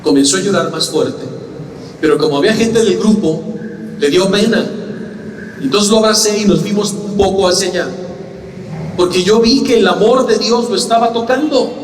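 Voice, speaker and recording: A man's voice: sits high, moderate pace, pauses often. A man giving a sermon, telling a story with acted-out dialogue and asking the audience questions. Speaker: lay preacher. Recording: roomy hall, from a distance, faint noise.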